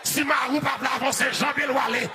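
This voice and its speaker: A man with a Haitian accent preaching a fiery shouted sermon as pastor, chanting and half-singing repeated refrains to the congregation. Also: very high-pitched, fairly even intonation, a little fast. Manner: repetitive call-and-response lines. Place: church service. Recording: loud church music and crowd noise. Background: live music and congregation.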